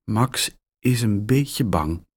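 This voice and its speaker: A man reading a children's story aloud, very slowly and with clear, expressive articulation. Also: lowish voice. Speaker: narrator.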